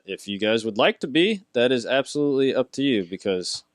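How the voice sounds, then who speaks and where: A man's voice: medium pitch, sing-song, a little fast, no room sound, studio quality. A young man narrating a tabletop game as game master, rambling and hesitant with fillers.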